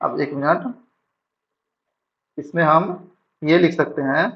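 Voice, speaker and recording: A man's voice: fairly high pitch, vocal fry. Man teaching English grammar, lo-fi. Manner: explains slowly, reads English sentences word by word, checks with "है ना?". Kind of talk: classroom-style grammar lesson. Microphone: writing on a board while talking. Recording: dull lo-fi sound.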